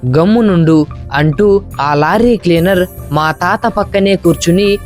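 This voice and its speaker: A man narrating a horror story in the first person, in a steady storytelling voice. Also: high voice, unhurried, faint music behind.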